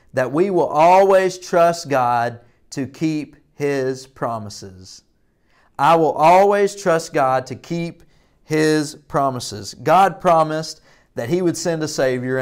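A man in his thirties giving a children's Bible lesson in a broad, singsong presenter style with emphatic repetition and call and response. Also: on the high side. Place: indoor children's church classroom. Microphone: lapel mic.

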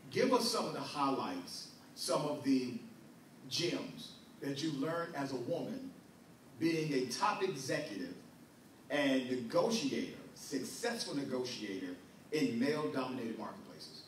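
A man's voice: mid-range voice, sing-song, unhurried, very echoey. Man, host, earnest and rhetorical, distant mic with faint background noise. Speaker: interview host. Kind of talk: conversational interview.

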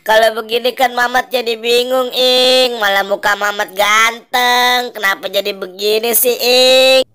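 A woman's voice: a little high, steady tone, measured pace, hardly any pauses, bright, forceful tone, smooth. A woman voicing Mamat, a male ondel-ondel puppet who cries and pleads after losing his face. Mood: whimpering. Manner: whiny, pleading, sobbing "eh eh".

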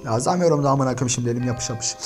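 A man's voice: medium pitch, rapid-fire, soft background music. A man ranting and cursing nonstop as he comments on an online insult battle, talking straight to his viewers. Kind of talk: profane screen-share commentary to viewers.

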